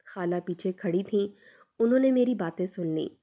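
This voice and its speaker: A woman narrating a first-person story in a soft, earnest, emotional way. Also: medium pitch.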